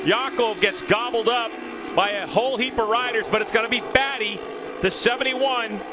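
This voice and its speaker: A man working as a motorsport commentator, calling a race live with animated play-by-play. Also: very high-pitched, moderate pace. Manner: animated play-by-play calling, rising to shouts at action.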